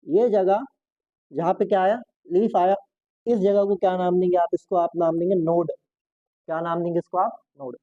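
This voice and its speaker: Man, biology teacher, high pitch, repeats key terms, asks and answers own questions. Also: dark tone, no echo, muffled recording. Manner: Hindi mixed with English science terms. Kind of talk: exam-prep lecture.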